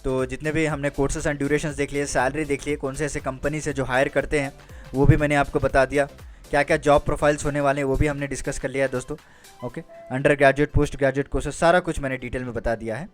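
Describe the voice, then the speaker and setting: Over music, a man speaks quickly in a mid-range, flat voice while giving a career guidance lecture. The explainer is informal and chatty, and he mixes in English phrases and checks in with listeners often.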